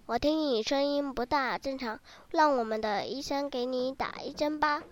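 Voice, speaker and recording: A wise, brave sheep king in a children's story, voiced by a woman, calm and a little sly, courteous even to his enemy. The voice stays high and even. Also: moderate pace, close to an everyday voice. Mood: composed. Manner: calm, composed.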